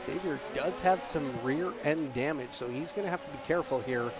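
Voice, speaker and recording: A man giving live motorsport commentary as a race broadcaster, his delivery excitable and following the action. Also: on the high side, fairly quick, noisy background. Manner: excitable, voice rising with the on-track action. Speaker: motorsport commentator in an online sim racing broadcast.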